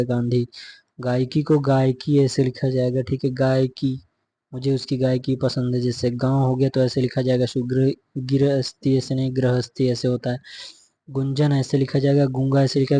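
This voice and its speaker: A young man drills spelling word by word in an exam-prep lesson, pausing often to check in. His voice is dark and husky, and it barely rises or falls. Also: medium pitch. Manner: repetitive, methodical dictation with frequent "theek hai" check-ins. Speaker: teacher.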